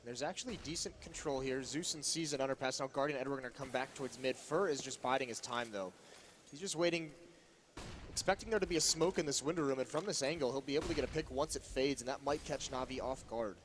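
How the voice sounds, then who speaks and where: Guy breaking down an esports match as a caster, average pitched voice. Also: quick pace, slight background noise. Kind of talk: analytical esports commentary.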